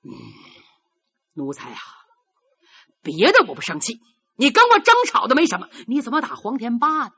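A hot-tempered old father bellows his scolding in a high, loud, bright voice, as a woman storyteller puts him on. The pitch jumps about sharply. It sounds dull and lo-fi. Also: wildly swooping pitch, moderate pace, pauses often, husky, exaggerated voice. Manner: shouting scolding.

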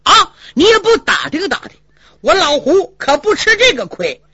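A woman storyteller puts on a hot-tempered male warrior who blusters and jeers at full volume. His voice rides high and bright, and the recording is dull and lo-fi. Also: wildly swooping pitch, moderate pace, dry recording, full character voice. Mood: angry blustering. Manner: loud, blustering, taunting. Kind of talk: traditional storytelling performance.

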